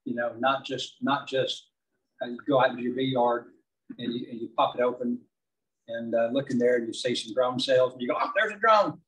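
A middle-aged man with a Texan accent giving a beekeeping club presentation, measured and dotted with fillers. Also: mid-range voice, fairly bright tone. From southeast Texas. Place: large meeting hall with projector. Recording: distant room recording.

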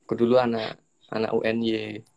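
A young man, hosting a casual interview in a relaxed, joking way. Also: lowish voice, fairly quick, vocal fry. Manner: relaxed, joking, slips into Javanese slang. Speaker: host.

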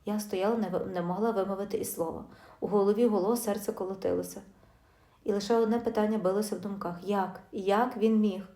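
Woman, middle-aged, first-person life story, fast and confiding, mellow, roomy echo. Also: medium pitch, steady tone. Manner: brisk, emotional, confiding.

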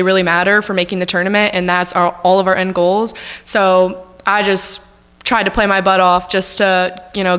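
A woman's voice: mid-range voice, fairly bright tone, clear, resonant tone, in a large hall. A young woman basketball player speaking casually at a postgame press conference. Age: young adult.

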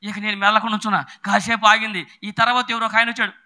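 A middle-aged male preacher, delivering a sermon with sudden shouted bursts and chatty storytelling. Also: high-pitched, level tone, fast talker.

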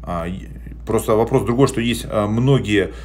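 On a casual live stream from a small room, a man in his forties talks at normal speed in a fairly low, slightly mellow voice. He answers viewer questions bluntly and plainly, often hesitating, through a phone held at arm's length that picks up a little hiss or hum.

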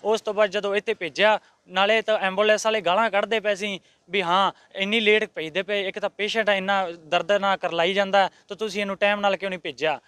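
A Punjabi man pours out an aggrieved complaint to a reporter. His voice sits high and comes through smooth and resonant. The sound is dry and close. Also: steady tone, fast talker, a bit bright, no room sound. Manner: aggrieved, insistent. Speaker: patient's husband. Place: outside a hospital.

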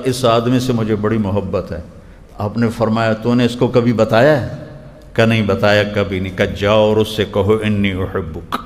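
A man preaching a religious sermon, telling stories and slowing down to recite quotations in short repeated phrases. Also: on the low side, a little mellow. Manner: storytelling, slows down to recite quotations. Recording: long hall reverb.

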